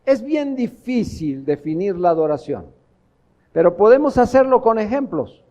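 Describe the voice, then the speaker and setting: High-voiced man preaching a sermon. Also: sing-song, moderate pace, mellow, highs cut off. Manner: earnest preaching, rhetorical questions to the congregation. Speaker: pastor.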